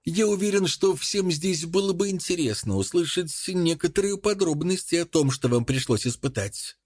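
Narrator's scottish gent, slow and careful, polite, pitched up a bit. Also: male voice, animated, darkish tone. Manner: slow, deliberate. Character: measured courteous older Scotsman.

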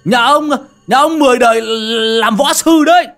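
A man playing a furious, boastful old village healer who shouts abuse. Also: very high voice, normal speed, faint music behind, pitched above the performer's own voice.

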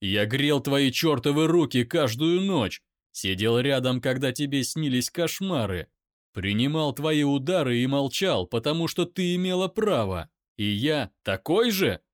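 A man playing an angry young man who shouts back in his own defense. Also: medium pitch, unhurried, few pauses, no room sound, clean studio sound, close to an everyday voice.

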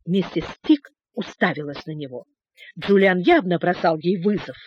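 A woman's voice: on the low side, lively intonation, moderate pace, slight background noise. Woman narrating a storybook. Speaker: audiobook narrator. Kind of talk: scripted narration. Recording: dull, dry recording.

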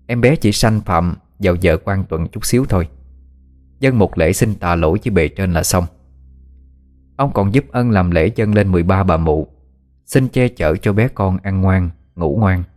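Low-voiced storyteller. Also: male voice. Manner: steady storytelling. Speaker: narrator. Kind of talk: audiobook ghost story narration.

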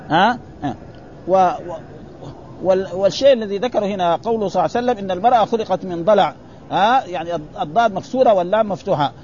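A man's voice: sits high, darkish tone, a little hiss or hum. A man teaching hadith in a casual spoken style, explaining with everyday examples and often asking his listeners if they follow. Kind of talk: hadith lesson in colloquial Arabic. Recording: dull lo-fi recording.

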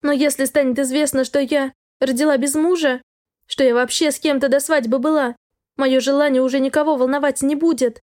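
A frightened young woman student pleads through tears in a high, strained voice, as a woman reads her in an audiobook. Her words come out sobbing and breathless, full of desperation. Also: steady tone, a little fast, a little mellow, no room sound, studio quality, lightly acted. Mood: desperate. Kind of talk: audiobook dialogue.

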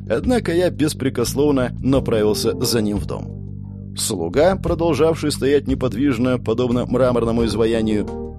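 A man narrating an audiobook expressively, voicing every character himself. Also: mid-range voice. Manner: expressive, plays all the voices. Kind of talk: scripted narration.

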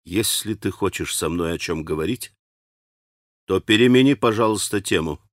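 A man's voice: deep voice, lively intonation, moderate pace, dry recording, clean studio sound. A man playing a curt, brooding young man. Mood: quiet. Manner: curt, sardonic. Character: irritable, brooding young man near breakdown.

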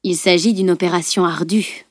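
A woman reading an audiobook, voicing an old, calm male scholar who speaks softly and reassuringly. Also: on the low side, moderate pace, no echo, studio quality, close to an everyday voice. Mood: gentle.

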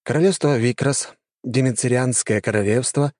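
A man's voice: medium pitch, moderate pace, darkish tone, no echo, clean studio sound, voice pushed up, natural voice. A man voicing a deferential male spy giving a report in an audiobook, matter-of-fact.

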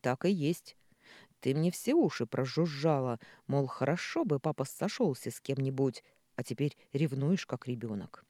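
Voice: mid-range voice, lively intonation, moderate pace, mellow, no echo, studio quality, close to an everyday voice. A reader voicing a firm, reproachful young husband in a read-aloud story. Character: young husband, firm and sensible son-in-law. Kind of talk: audiobook character voicing.

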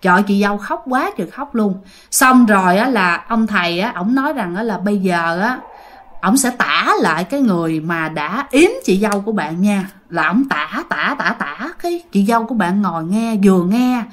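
A woman's voice: medium pitch, lively intonation, normal speed, fairly bright tone. A woman telling a ghost story in a casual, chatty way, speaking directly to her listeners.

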